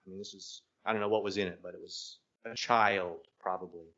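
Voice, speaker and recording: A man's voice: low-pitched, a little fast. Man telling a story, dull lo-fi sound. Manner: animated, self-interrupting anecdote telling. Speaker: podcast co-host. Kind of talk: casual storytelling.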